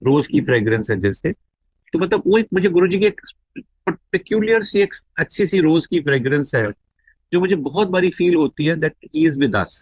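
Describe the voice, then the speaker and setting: A middle-aged man from India, sharing a personal devotional testimony in an unhurried, reflective storytelling manner and slipping into phrases. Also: on the high side, lively intonation, no echo. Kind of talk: unscripted spoken testimony.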